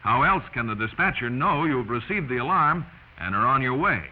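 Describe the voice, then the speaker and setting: Here an American man voices a 1940s instructional film, addressing the listener directly in an emphatic, instructive way. His mid-range voice is animated and moves at normal speed; the audio is muffled and noisy.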